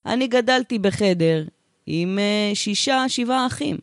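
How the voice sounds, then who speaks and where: A man's voice: sits high, expressive, no echo, studio quality. A man playing a brash, boastful woman bus driver in comic banter, with slangy, emphatic, swaggering talk. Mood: boastful, animated. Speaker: bus driver character in comedic chat. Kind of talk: improvised comic character banter.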